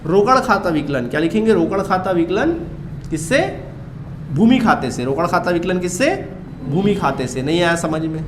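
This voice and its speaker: A man's voice: high voice, animated, normal speed, echoey room, background noise. A man teaching a commerce class, drilling students with repeated questions and answers. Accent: Chhattisgarhi Hindi. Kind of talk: classroom lecture.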